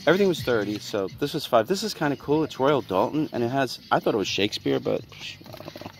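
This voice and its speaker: Browsing a cluttered house at an estate sale indoors, a reseller chats casually to a handheld phone camera, often muttering half-whispered asides to himself in vlog-style commentary. His mid-range voice is expressive and fast with vocal fry, and faint music plays behind loud background noise.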